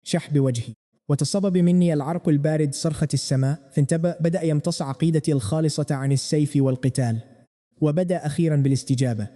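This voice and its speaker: A male narrator retells a fantasy comic in first person, scripted and dramatic. He talks very fast in a slightly high register. His voice has a deep, dark colour. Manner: dramatic, rapid storytelling.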